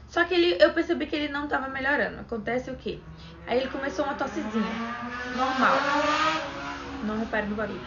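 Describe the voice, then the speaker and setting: Chatting casually to her camera, a young Brazilian vlogger retells events in a conversational way, her voice a little high and a bit bright. The audio sounds dull and lo-fi, with a faint hiss behind her.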